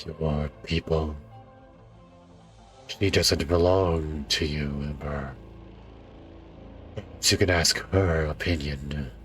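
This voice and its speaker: A man voicing an ancient, solemn male wolf lord who speaks slowly and quietly in a low, grave tone. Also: steady tone. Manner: slow, low, grave and hushed. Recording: faint music behind.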